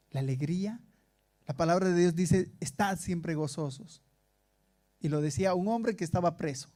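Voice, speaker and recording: A man's voice: fairly high pitch, dark tone. A pastor preaching a sermon to his congregation in a conversational way, asking rhetorical questions. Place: church in Stockholm.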